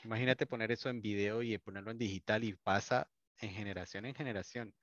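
Colombian man, low voice, videographer guest, chatty storyteller, dry muffled sound. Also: fairly even intonation, quick pace, dry recording. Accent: Colombian Spanish. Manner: warm storytelling, many restarts. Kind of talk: casual interview chat.

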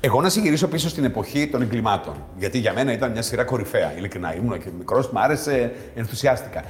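A man's voice: mid-range voice, expressive, long reverb tail, slight background noise. A man hosting an interview, asking questions with friendly interjections. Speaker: interview host. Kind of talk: casual interview.

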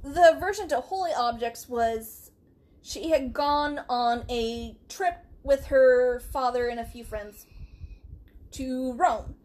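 A woman's voice: sits high, slow, darkish tone. A woman co-hosting a casual podcast, telling a true story in a chatty way, laughing and acting out quotes. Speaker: podcast co-host.

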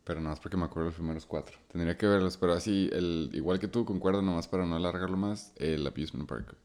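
A low, deep-voiced man with a Mexican Chicano accent co-hosts casual sports chat. He talks in loose slang and drops English terms into his sentences. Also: fast talker, a little mellow. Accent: Mexican Spanish with Chicano flavor. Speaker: sports league podcast co-host.

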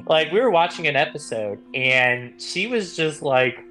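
A man's voice: fairly high pitch, animated, unhurried, bright, forceful tone, faint music behind. A young man co-hosting a podcast, chatting casually and telling rambling stories with the odd swear word. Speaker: podcast co-host. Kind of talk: casual chat.

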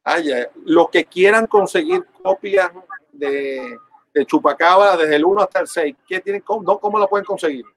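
Chatty Puerto Rican interviewer, dry sound. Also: male voice, high voice, very animated, moderate pace, vocal fry, dry recording, rough recording. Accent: Puerto Rican Spanish. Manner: friendly, chatty, agreeing often. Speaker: interviewer host. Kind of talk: casual interview chat.

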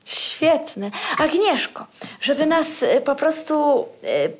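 A woman's voice: high voice, sing-song, slow pace. A woman hosting a podcast interview, asking questions and encouraging her guest with affirming murmurs. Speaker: podcast host.

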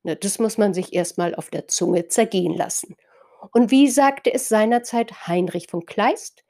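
A woman from northern Germany muses in an unhurried, reflective spoken essay. Her voice is soft and mellow, and she turns words over playfully while speaking straight to her listeners. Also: medium pitch. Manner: thoughtful, addresses listeners directly, plays with words.

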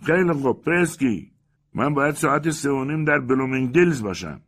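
A man's voice: deep voice, big pitch swings, husky, full character voice. A man voicing an anxious, eager middle-aged male professor in a storybook reading, nervous and pleading.

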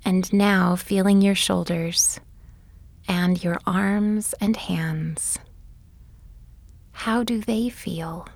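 A woman guiding a bedtime body-scan meditation, speaking softly and gently, often in a whisper. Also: medium pitch, fairly even intonation, gravelly, dry recording. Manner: soft, often whispered delivery; gentle, soothing and unhurried. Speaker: meditation guide.

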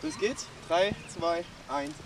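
A man's voice: a little high, sing-song, takes it slowly. A man playing an eager boy who rambles on explaining a dive, in a comedy sketch. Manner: rambling, keeps saying "sozusagen". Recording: distant with loud noise.

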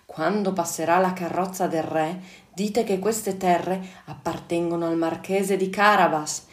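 A woman's voice: fairly even intonation, measured pace, natural voice. Woman doing a sly fawning cat. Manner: fawning, then shrill cries for help. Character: sly clever male cat servant. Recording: echoey room.

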